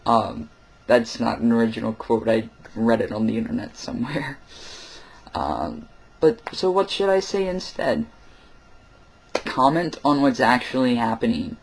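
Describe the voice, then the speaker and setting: A man's voice: medium pitch, animated, unhurried, gravelly, a little hiss or hum. Candid young man vlogging late at night. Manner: candid, rambling with many fillers, wry. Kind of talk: casual personal vlog.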